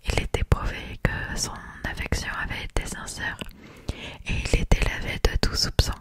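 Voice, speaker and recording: A reader delivers scripted literary narration entirely in a soft ASMR whisper. The voice stays breathy and unvoiced, reading classic fiction like an audiobook meant for sleep. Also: moderate pace.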